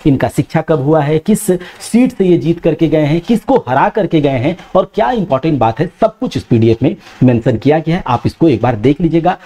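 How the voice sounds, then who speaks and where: A man giving an exam-prep lecture, briskly running through a list and often adding reminders to remember. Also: fairly high pitch, expressive, dark tone.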